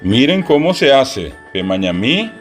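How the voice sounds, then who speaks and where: A man teaching children a language lesson, repeating each word slowly and clearly. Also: mid-range voice, big pitch swings, faint music behind. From Paraguay.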